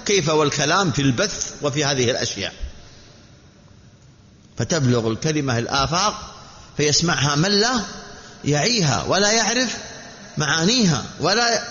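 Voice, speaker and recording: Male preacher, slightly high voice, measured sermon delivery, dull reverberant hall recording. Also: very animated, pushed and bright. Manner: measured, repetitive teaching delivery with rhetorical questions. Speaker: Islamic preacher.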